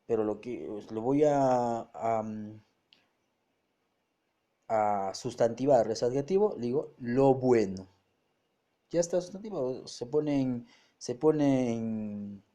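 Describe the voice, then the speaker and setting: A man's voice: medium pitch, mellow. A male teacher, giving a grammar lesson step by step, often restarting words and checking that students follow.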